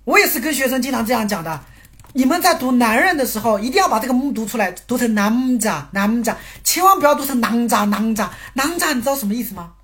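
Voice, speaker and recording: A woman's voice: a little high, animated, quick pace, fairly bright tone. A woman teaching a language in a casual livestream, chatty and teasing, talking straight to her viewers and laughing often.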